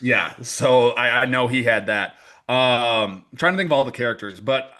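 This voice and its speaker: A man's voice: medium pitch, moderate pace, pushed and bright. A man hosting a podcast in casual chat, rambling and joking as he passes the mic around. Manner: rambling, joking, restarts often. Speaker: podcast host.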